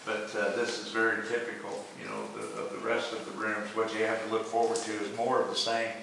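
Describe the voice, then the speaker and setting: A man with an American accent guiding a tour in a halting way, searching for words as he talks in an echoing cave. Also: fairly low pitch, completely flat delivery, creaky. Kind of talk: guided tour talk. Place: inside a show cave. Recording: echoing cave, distant mic, faint noise.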